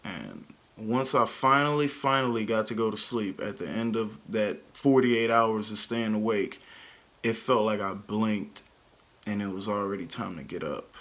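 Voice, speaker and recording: Young man, casual vlog storytelling, rambling, somewhat low voice. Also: a little slow, fairly bright tone. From Texas, USA. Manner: rambling, lots of "like" fillers. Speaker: vlogger.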